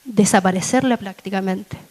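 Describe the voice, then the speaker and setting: A woman giving a testimony in a church sermon, telling her story slowly and with feeling, dropping soft and then rising in bursts. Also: poor audio. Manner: slow, emotional storytelling with soft low passages and sudden raised peaks.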